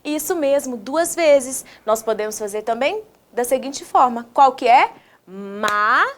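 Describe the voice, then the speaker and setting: A woman with a Brazilian Portuguese accent teaching young children in a recorded video lesson, sounding words out slowly, syllable by syllable, and asking the viewers questions in an encouraging, sing-song teacher voice. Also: sits high, animated. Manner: slow, exaggerated syllable-by-syllable pronunciation with questions to the viewers.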